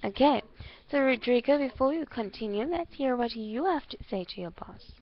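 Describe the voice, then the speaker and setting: A woman's voice: a little high, expressive, moderate pace. Woman language teacher, encouraging and explanatory, often checking understanding, on slightly dull, lo-fi audio. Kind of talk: giving spoken feedback in an online English lesson. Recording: muffled lo-fi online call audio.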